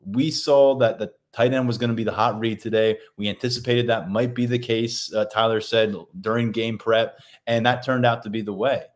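A man's voice: mid-range voice, fairly even intonation, normal speed, hardly any pauses. A man co-hosting a sports podcast as a beat reporter, steadily relaying what players told him after the game. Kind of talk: casual sports podcast analysis.

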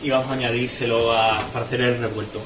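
A medium-pitched man speaks quickly and flatly while demonstrating a recipe step by step in a small tiled restaurant kitchen. He checks in with his viewers often. Echo, frying noise and a sizzling pan fill the background.

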